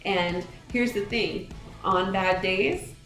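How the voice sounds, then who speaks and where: A woman who teaches high school English gives other teachers earnest, direct advice on classroom management. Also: slow pace, a bit bright. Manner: earnest, direct, addresses the listener as a fellow teacher. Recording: echoey room with music playing underneath.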